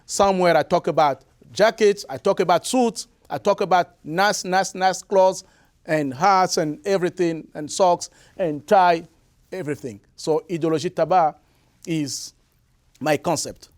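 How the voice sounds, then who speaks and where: In a broadcast studio, a male musician guest from the Republic of the Congo responds to an interviewer with a high-pitched voice. Lari is his native tongue, and his hesitant replies keep breaking into fillers and false starts.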